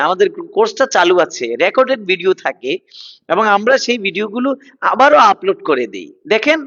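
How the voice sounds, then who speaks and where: A Bangladeshi man in his thirties teaches an online class in a high, slightly bright voice. He repeats words and coaxes his students along, and the class audio is dull and lo-fi.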